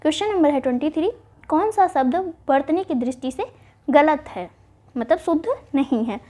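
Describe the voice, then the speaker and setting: A woman teaching Hindi spelling for exam prep, spelling words out slowly and answering her own questions. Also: high-pitched, expressive, warm tone. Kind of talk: online exam-prep lesson.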